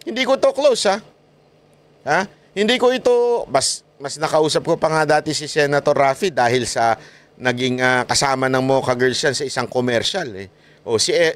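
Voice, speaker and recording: A man giving casual political commentary as a vlogger, animated and mocking, laughing often between points. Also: a little high.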